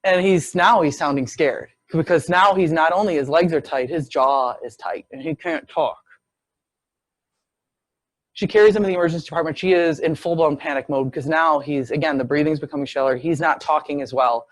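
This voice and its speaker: A man's voice: fairly high pitch, a little fast, dry recording. A man lecturing as a visiting professor, telling a medical case as a story and acting out what people said. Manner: storytelling, acts out quoted speech.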